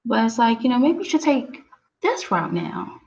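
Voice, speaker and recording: A woman's voice: a little high, big pitch swings, moderate pace, creaky, a little mellow, lo-fi sound, slight background noise. A woman hosting her own show, talking in a rambling, casual monologue full of restarts and "you know"s.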